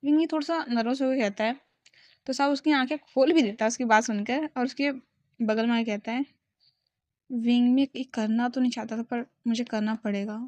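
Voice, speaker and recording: A woman's voice: a little high, steady tone, moderate pace, a little mellow, no room sound. A woman casually retelling a fan story and speaking the characters' lines in her own voice, often stopping to restart. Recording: dry, dull lo-fi recording.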